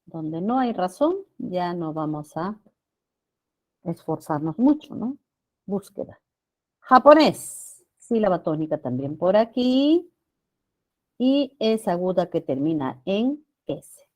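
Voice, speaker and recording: A woman teacher giving a grammar lesson to students, often checking in with them and drawing out words slowly for emphasis. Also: fairly low pitch, sing-song, highs cut off. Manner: addresses students with frequent checking questions.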